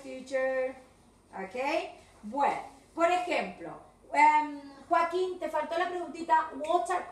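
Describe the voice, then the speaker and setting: A woman with a Rioplatense Spanish accent, teaching an English video class to children, mixing English and Spanish, encouraging and repeating words with frequent checks for understanding. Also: high voice. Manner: switches between English and Spanish, slow and drawn-out for the children. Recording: echoey room with faint background hiss, from a distance.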